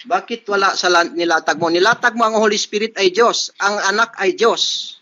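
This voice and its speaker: A man's voice: high voice, moderate pace, pushed and bright. A man debating religion in an online call, insisting on his question and raising objections. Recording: dull lo-fi call audio.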